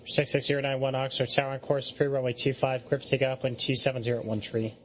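A man's voice: mid-range voice, little pitch movement, fast. A man working as an air traffic controller, giving clipped, procedural instructions over the radio.

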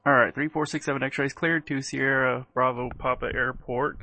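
A man speaking as a pilot on aviation radio, reading back clearances. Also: medium pitch, fairly even intonation, moderate pace, bright, forceful tone. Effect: aviation radio transmission.

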